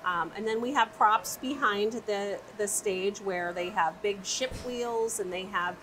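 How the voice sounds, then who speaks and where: Her mid-range voice is unhurried and a bit bright, captured on a low-quality recording with audible background noise. A children's museum director, she walks through the play areas in an upbeat, casual interview, leaning on frequent fillers.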